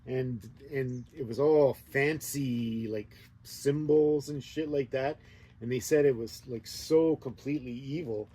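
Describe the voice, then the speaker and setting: A man's voice: mid-range voice, measured pace, warm tone, husky, rough recording. A man telling a meandering story in a laid-back, casual way. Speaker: host. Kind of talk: casual chat. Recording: faint background noise.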